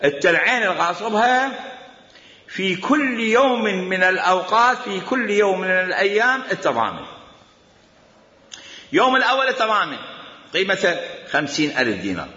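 A man's voice: sits high, big pitch swings, fairly quick, pauses often, bright, forceful tone. A man with an Iraqi accent teaching Islamic law, arguing his point, repeating quoted commands and firing off rhetorical questions. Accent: Iraqi Arabic. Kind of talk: jurisprudence lecture. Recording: echoey hall, dull lo-fi sound.

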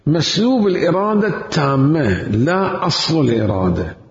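In an echoey hall, with dull lo-fi audio, a seminary teacher lectures on Islamic jurisprudence. His voice sits on the higher side, expressive and moderately paced, and he leans on rhetorical questions and repeated key words to drive points home.

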